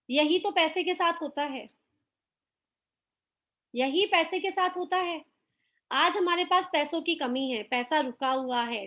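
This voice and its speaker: A woman's voice: high-pitched, fairly bright tone. A middle-aged woman teaching a live online class who keeps putting questions to her listeners and acts out everyday quarrels as she explains. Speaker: motivational teacher.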